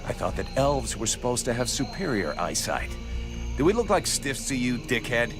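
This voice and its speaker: A stubborn, blunt mercenary hero played by a man in a video game, grumbling in a medium-pitched voice. Loud music sits behind him. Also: sing-song, moderate pace, natural voice. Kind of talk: video game character acting.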